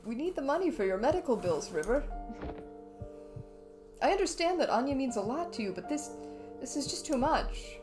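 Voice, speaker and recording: A woman's voice: high voice, sing-song, moderate pace, pauses often, music in the background, voice pushed up. A woman voicing a worried adult husband, pleading earnestly while reading game dialogue aloud. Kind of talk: let's play character voicing.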